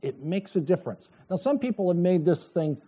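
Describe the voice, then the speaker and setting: A middle-aged man preaching a sermon, telling a personal story with lively storytelling and acted-out dialogue. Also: sits high, a little fast, slightly rough. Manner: animated storytelling, acts out dialogue, chuckles. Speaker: pastor.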